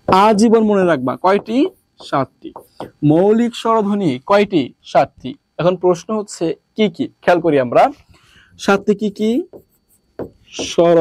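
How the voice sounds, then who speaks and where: A male teacher from Bangladesh drills his students, firing off questions and then answering them himself, dropping to a lower voice. His voice sits high, and it is recorded close and dry with no room sound. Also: mellow, no room sound. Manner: repetitive, drilling. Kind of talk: classroom lesson.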